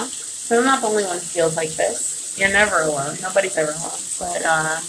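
A young woman hosting her own podcast, rambling casually and swearing freely, a bit tipsy, recorded at home by the bath. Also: medium pitch. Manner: loose and profane, slightly tipsy. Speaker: podcast host. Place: at home near a bathtub. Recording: noisy home recording with running water.

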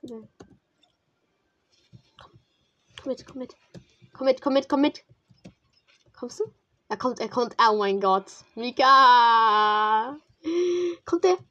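Young woman streamer, high voice, excitable slangy play-by-play to a teammate. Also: takes it slowly, pauses often, dull audio. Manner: excitable, slangy, talks to a teammate while playing. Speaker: gamer streamer. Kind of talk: casual gaming commentary.

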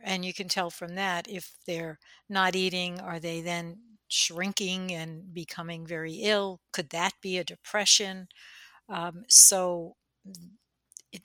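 A woman's voice: lowish voice, bright, forceful tone, no room sound. A woman co-hosting a casual talk, curious and conversational, raising questions. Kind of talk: casual discussion.

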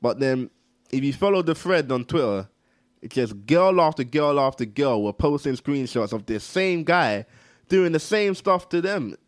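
Young guy hosting a chat podcast, animated storyteller, dry close sound. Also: fairly high pitch, normal speed, no echo. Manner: animated storyteller, laughs through anecdotes. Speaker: podcast host. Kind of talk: casual chat.

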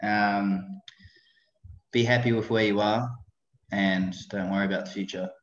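Appearing as a podcast guest over a remote call, a personal trainer chats casually in a fairly low, steady, unhurried voice. The online call audio sounds dull and roomy.

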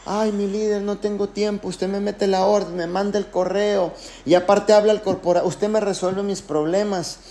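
A woman's voice: mid-range voice, fairly even intonation, normal speed, few pauses, mellow, voice pushed up, lightly acted. A man voicing a woman in his sales network who begs her leader to do her work for her. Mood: pleading. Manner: whiny, begging.

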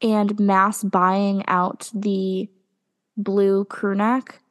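A young woman co-hosting a casual podcast chat, talking with lots of ums and pauses. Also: mid-range voice, little pitch movement. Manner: chatty, hesitant with many ums. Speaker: podcast co-host.

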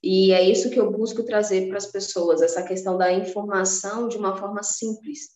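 A warm, steady, medium-pitched voice at a moderate pace belongs to a Bahian woman from Salvador, guesting on a podcast. She chats casually and motivatingly about personal finance in Bahian Brazilian Portuguese, restarting often, and the room is reverberant.

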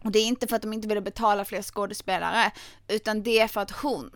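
A woman's voice: mid-range voice, fairly even intonation, no echo, studio quality. A woman hosting a podcast, chatting casually and animatedly about a film, swearing and acting out scenes. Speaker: podcast host.

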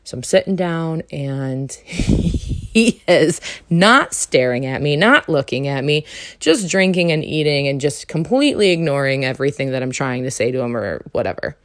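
A young adult woman hosting a podcast, telling a casual story animatedly and acting out quoted lines with sudden high jumps. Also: lively intonation, moderate pace, no room sound. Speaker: podcast host.

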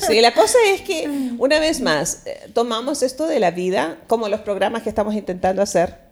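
A woman co-host with a fairly high voice, talking in a thoughtful, unhurried way. She laughs easily between ideas and muses on life in a relaxed chat. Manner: reflective, laughs often while talking. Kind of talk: casual chat.

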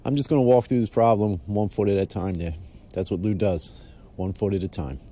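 Dude doing a homespun guy talking to his phone, low mellow voice, down on his luck. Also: a little fast, natural voice. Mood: glum resolve. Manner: folksy, homespun sayings, keeps tagging "there". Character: folksy down-on-his-luck husband, man. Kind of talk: casual phone podcast monologue.

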